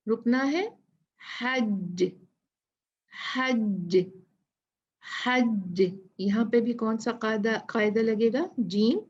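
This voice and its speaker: A woman teaching a Tajweed lesson, drilling syllables slowly and repeating them for students to echo. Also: on the high side, darkish tone. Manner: drawn-out chanted recitation of verses. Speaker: Quran recitation teacher. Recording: dull lo-fi sound.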